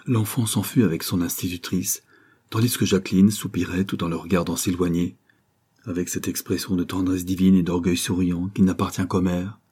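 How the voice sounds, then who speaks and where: A man reading a classic serial novel aloud as an audiobook narrator, in a measured storytelling manner. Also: low voice, steady tone, mellow, husky. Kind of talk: scripted narration.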